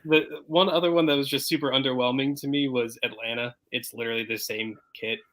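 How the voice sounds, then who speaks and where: A man's voice: mid-range voice, steady tone, quick pace, a bit bright. A man co-hosting a soccer podcast in casual chat, easygoing and agreeable with frequent fillers. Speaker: podcast co-host.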